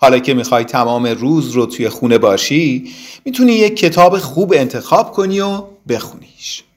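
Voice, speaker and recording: A man voicing a calm, reassuring mother asparagus in a children's storybook. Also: mid-range voice, natural voice. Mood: gentle. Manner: soothing, reassuring.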